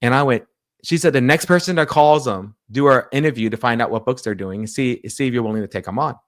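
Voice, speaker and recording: A man recounting events to an interviewer in a relaxed, conversational way. He slips into the voices of the people he quotes and often repeats words as he restarts sentences. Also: mid-range voice, quick pace. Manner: animated retelling with quoted dialogue and frequent restarts. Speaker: pastor and publisher, interview guest. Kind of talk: storytelling in a casual interview.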